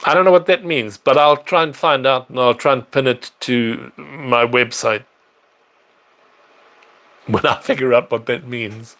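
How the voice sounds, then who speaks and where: A man's voice: medium pitch, a little slow, pushed and bright. Chatty man, live-stream host. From South Africa. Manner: chatty and rambling, with fillers and self-corrections. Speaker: livestream host answering viewer questions. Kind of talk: casual live-stream chat. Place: apartment in a large city.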